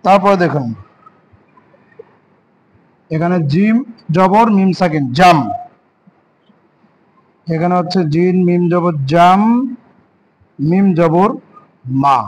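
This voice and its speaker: A man teaching Quran reading, spelling out letters and vowel marks slowly and asking the learner rhetorical questions. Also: high voice, slight background noise, low-quality recording. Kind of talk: step-by-step reading lesson.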